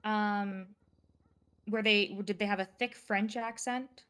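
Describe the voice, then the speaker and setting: A woman's voice: medium pitch, fairly even intonation, takes it slowly, fairly bright tone, clean tone. A woman in a live game roleplay, voicing a female officer who questions a witness with many fillers. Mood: methodical. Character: methodical female officer taking a statement. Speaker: police investigator questioning a witness.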